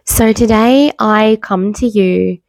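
A woman podcast host with a cold and low energy, talking candidly and informally in a personal monologue. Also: takes it slowly, gravelly, darkish tone, dry recording, soft background music. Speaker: podcast host, wellbeing coach. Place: bedroom, sitting on bed. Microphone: makeshift mic, not usual podcast microphone.

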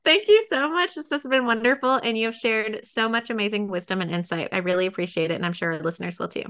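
A woman's voice: mid-range voice, quick pace, fairly bright tone. A woman hosts a podcast in an easygoing, conversational way. She keeps cheering her guest on with short, upbeat affirmations. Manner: encouraging, frequent affirmations. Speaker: podcast host. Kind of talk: casual interview chat.

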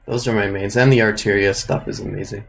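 Young Canadian man, music producer guest; low register, laid-back, rambling with ums and likes. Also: fast, gravelly, low-quality recording. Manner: relaxed, thinks aloud with many fillers. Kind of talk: casual interview answers.

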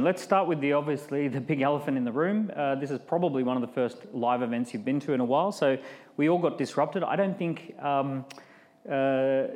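Talking to a crowd in a large hall, this middle-aged keynote speaker with an Australian accent keeps things chatty, stumbling into fillers and restarting sentences. He has a darkish, mid-pitched voice, and the room adds a long reverberant tail.

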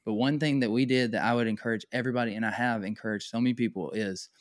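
A man's voice: mid-range voice, fairly even intonation, fast talker, no room sound, studio quality. An American man, a pastor and church planter, talking casually and enthusiastically in a podcast interview, with slang and frequent laughs.

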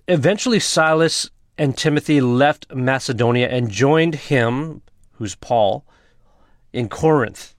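A man's voice: medium pitch, dry recording. Casual earnest male pastor, dry sound. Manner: conversational, earnest, slang-laced preaching. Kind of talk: casual sermon with scripture reading.

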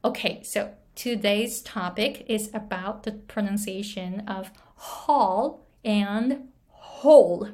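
A woman's voice: medium pitch, extremely slow. A middle-aged woman from Japan, coaching English pronunciation in a casual video lesson and telling stories animatedly. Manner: animated storyteller, switches between Japanese and English.

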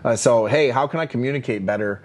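A man's voice: mid-range voice, fast talker. Male podcast co-host, emphatic coaching delivery, lots of "right?" check-ins, casual. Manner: energetic, emphatic, lots of fillers and "right?" tags. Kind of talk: casual leadership podcast chat.

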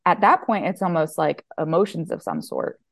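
A woman's voice: on the low side, moderate pace, vocal fry, no room sound, studio quality. A woman health and nutrition coach, a guest chatting casually and easily in an interview, with plenty of fillers. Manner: relaxed, chatty, filler-heavy.

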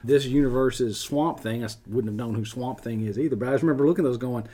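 A man's voice: mid-range voice, very fast, dark tone, breathy edge. Man bantering on a podcast. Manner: friendly, teasing banter. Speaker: podcast co-host. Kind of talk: casual chat.

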